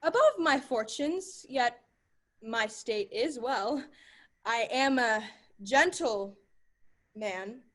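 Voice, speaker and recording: A woman's voice: fairly high pitch, expressive, very slow, pauses often, a bit bright, exaggerated voice. A woman acting a young woman disguised as a page, speaking Shakespearean verse with earnest passion. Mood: wistful. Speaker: actor.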